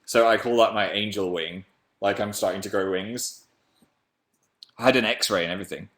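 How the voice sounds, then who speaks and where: A deep-voiced Englishman in his twenties hosts a webcam livestream, playfully reading and chatting about comments. He talks at a normal speed with a slightly bright tone, jumping between high and low pitch.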